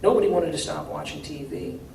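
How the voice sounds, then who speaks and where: At an indoor university reading, a man presents a dramatic first-person passage from his own novel, deliberate and measured. His voice is fairly high, gravelly and warm. The recording sounds distant, with room echo and a little faint noise.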